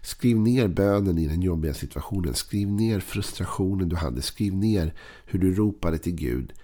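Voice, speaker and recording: A middle-aged man giving an earnest, slow-paced daily devotional with occasional chuckles. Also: low voice, lively intonation, warm tone. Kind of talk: devotional talk.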